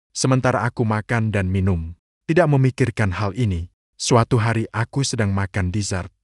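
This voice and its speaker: A man reading a scripted story recap narration in an even, matter-of-fact way. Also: mid-range voice, dry recording, clean studio sound.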